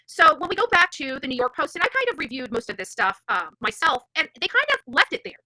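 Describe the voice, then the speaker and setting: This woman hosts a true crime livestream, telling stories, reading aloud, and commenting in a brash, feisty, rambling, informal way. Her voice is high-pitched and very animated, with a quick pace and a sharp tone. The recording has no echo.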